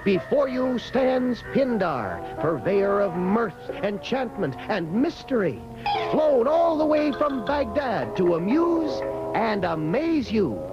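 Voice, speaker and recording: Smooth-talking cartoon magician, grovels grandly, gravelly edge. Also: male voice, high-pitched, takes it slowly, heavily acted. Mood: flattering. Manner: grandiose, fawning flattery. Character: boastful young male magician Pindar, flattering and quick-witted. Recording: dull old cartoon soundtrack with loud music.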